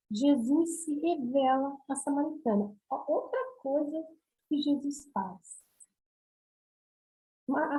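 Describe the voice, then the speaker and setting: A middle-aged woman with a Brazilian Portuguese accent preaches with earnest emphasis, asking her listeners question after question. Her voice sits high, with a dark, mellow tone. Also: rough recording. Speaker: missionary speaker. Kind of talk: preaching talk on a livestream.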